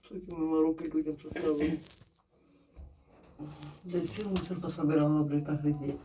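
Older woman, Chernihiv-region accent, anxious worrier, mellow tone, slightly off-mic in a cramped lift. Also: low voice, fairly even intonation, a little fast, far from the mic. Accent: Chernihiv-region Ukrainian with Russian-mixed speech. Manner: fretful and anxious, sighs to God, whispers prayers. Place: small stuck elevator cabin. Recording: voice a bit off-mic in a cramped cabin.

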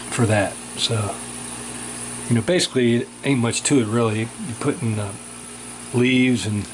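A man's voice: lowish voice, noisy background. A man casually vlogging off the cuff, rambling in a folksy way with lots of fillers, filmed indoors at home on a handheld camera. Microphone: handheld camera mic.

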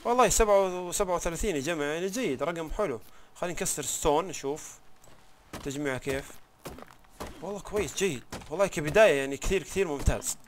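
Fast-talking young man doing gameplay commentary. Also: on the high side, a bit bright. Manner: chatty, thinks aloud, trails off mid-word. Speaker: gaming YouTuber.

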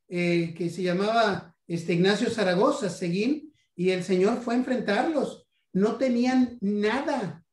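A man from Mexico with a high-pitched, slightly mellow voice lectures as a guest on the history of coins. His speech stumbles with repeated words and frequent "este", and it echoes around a roomy space.

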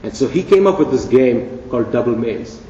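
A man's voice: medium pitch, lively intonation, fairly quick, warm tone, a little hiss or hum. A man giving a conference keynote lecture, conversational and playful, with rhetorical questions. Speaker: keynote speaker. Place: large conference hall. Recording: dull, echoey hall recording from a distance.

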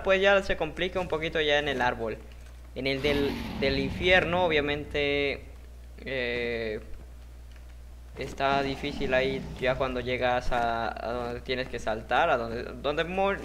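A man's voice: medium pitch, noisy background. A young man with a Mexican accent giving jokey, slangy let's-play commentary, talking to himself and his viewers. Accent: Mexican Spanish. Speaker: gaming youtuber.

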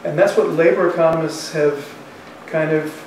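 Standing at the chalkboard of a university classroom, an economics professor in his sixties lectures casually, musing out loud in conversational language. He speaks at a moderate pace in a slightly mellow, higher-than-average voice whose intonation stays fairly even. Faint noise and classroom echo come through a far-off microphone.

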